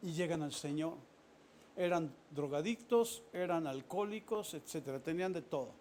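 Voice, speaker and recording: Male pastor, sermon, high voice, animated storytelling, chatty asides, faint noise behind. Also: normal speed.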